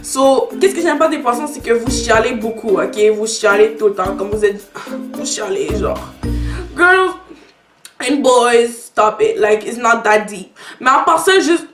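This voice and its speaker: A young woman of nineteen speaks with a Québécois French accent. She chats casually to camera and drifts between French and English. Her voice sits high, and it echoes in the room over steady background music. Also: unhurried. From Canada. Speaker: YouTuber.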